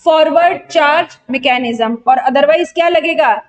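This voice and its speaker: A young woman with an Indian accent runs an online revision lecture for exam candidates, firing off questions and answering them herself. Her voice sits high. She switches freely between Hindi and English technical terms. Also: measured pace, dull audio. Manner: quizzing students and answering her own questions. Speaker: GST exam tutor.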